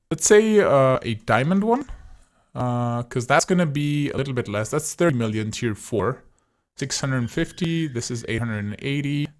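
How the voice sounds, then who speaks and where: A man giving casual, chatty gameplay commentary as host of a gaming video, thinking aloud as he goes. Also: medium pitch.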